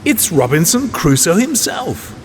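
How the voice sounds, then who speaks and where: A woman's voice: on the low side, big pitch swings, a little slow, background noise. A woman voicing a firm, sea-loving ship's lieutenant in a storybook reading.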